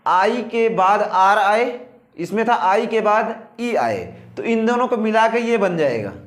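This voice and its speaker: A man gives an English pronunciation lesson in a fairly high voice. He speaks slowly and deliberately, spelling each word letter by letter. He also dictates rules for students to copy down. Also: animated, reverberant. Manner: spells words letter by letter, asks and answers his own questions. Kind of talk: classroom-style lesson.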